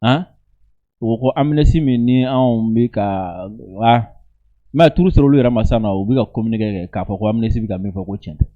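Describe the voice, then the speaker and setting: Heard through phone-quality sound, a man's low-sitting voice moves a little fast. He's a West African-accented native Bambara speaker, an online video commentator reading statements and commenting informally, emphatic and repetitive for emphasis.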